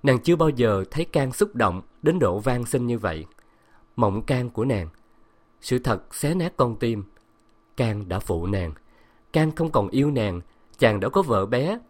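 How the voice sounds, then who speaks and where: A man narrating a story in a steady, measured reading voice. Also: mid-range voice. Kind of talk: scripted audiobook narration.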